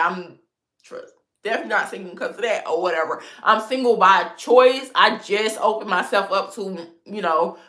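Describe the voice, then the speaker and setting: Her voice sits in the mid range with a sharp edge. She's a woman in her thirties with a cold-stuffed nose, a lifestyle vlogger casually responding to viewer comments, speaking openly about dating and laughing a lot.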